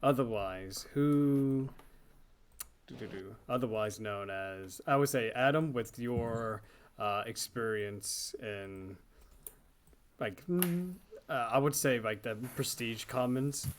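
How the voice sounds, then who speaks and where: A man narrating a tabletop game as dungeon master, describing scenes in a loose, halting way. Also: mid-range voice, slight background noise. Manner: descriptive, hesitant with fillers.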